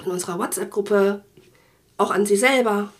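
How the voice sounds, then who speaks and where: A woman from Germany, hosting a faith podcast, earnestly tells her personal testimony, regularly easing her pace and lowering to soft whispers. Her pitch is medium.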